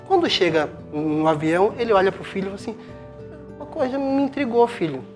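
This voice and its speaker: A man's voice: high voice, expressive, brisk, a little mellow, faint music behind. A man with a Brazilian Portuguese accent, a pastor telling a story in a sermon and acting out the voices of the people in it.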